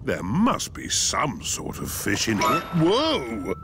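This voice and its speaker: A man's voice: medium pitch, huge pitch swings, slow, background noise, heavily acted. A man voicing a cheerful, blustery father pig with a big tummy in a children's cartoon. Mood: jolly. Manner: cheerful, blustery and good-humoured. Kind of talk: cartoon voice acting.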